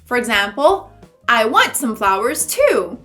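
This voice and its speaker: A young woman teaching English numbers, explaining in a lively way and repeating example words. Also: on the high side, slow pace, soft background music. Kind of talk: language lesson for Portuguese speakers.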